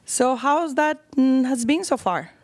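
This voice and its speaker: A woman with a fairly high voice hosts an online arts series interview, opening from a prepared introduction. She then moves into easygoing questions for her guest. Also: expressive, unhurried. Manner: warm-up scripted intro then friendly questioning. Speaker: festival host, interviewer. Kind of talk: hosted interview.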